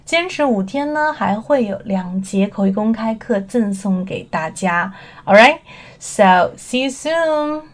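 A young woman teaching English vocabulary in a recorded lesson. She explains patiently, asks rhetorical questions and answers them herself, and slows right down to model each word's pronunciation. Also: mid-range voice. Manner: drawls words slowly when modelling pronunciation.

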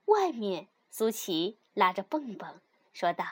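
A woman narrating a children's story in an expressive, animated reading style. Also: mid-range voice, slow pace, breathy edge.

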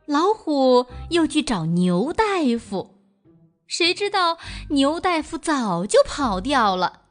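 A woman reading a children's story aloud and speaking gently to young listeners as the storyteller. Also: high voice, big pitch swings, slow pace, faint music behind.

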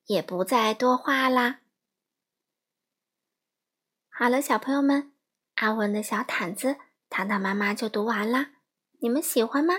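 A woman reading a picture book aloud to young children in a lively, coaxing storytelling manner. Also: a little high, husky.

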